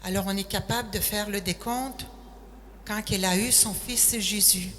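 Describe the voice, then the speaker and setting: An older woman from Quebec City with a Québécois accent, giving a personal testimony and telling her story in an unhurried way. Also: medium pitch, steady tone, fairly bright tone. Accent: Québécois French. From Quebec City, Canada. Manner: slow, unhurried storytelling, sentences often starting with 'alors'. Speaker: speaker giving a faith testimony. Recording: echoey hall with faint noise.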